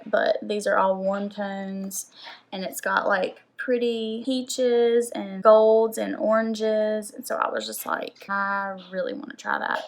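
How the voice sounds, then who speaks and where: Chatty young woman with vocal fry. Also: mid-range voice, a bit bright. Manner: chatty, rambling, says "like" often. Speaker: beauty vlogger. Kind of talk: casual makeup haul chat.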